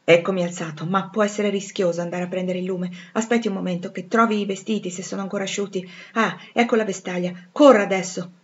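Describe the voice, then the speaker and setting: A woman reading the part of a brusque, commanding gentleman in a storybook reading, with curt orders given low and hushed. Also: fairly even intonation, fast talker, hardly any pauses, close to an everyday voice. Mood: brisk. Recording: slightly dull lo-fi recording.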